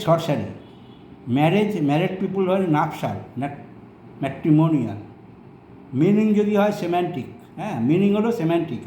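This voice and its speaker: A man teaching English vocabulary in a relaxed, unhurried way. He pauses on fillers and often checks whether his students are following. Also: a little high, roomy sound, a little hiss or hum. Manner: explains slowly, with many fillers and checks with the listener. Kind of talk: vocabulary lesson.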